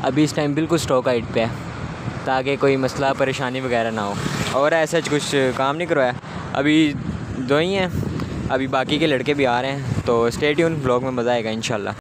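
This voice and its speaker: A man's voice: medium pitch, normal speed. Young man vlogging outdoors over traffic noise. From Pakistan. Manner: chatty, addresses viewers directly. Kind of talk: casual travel vlog. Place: outdoors by a roadside.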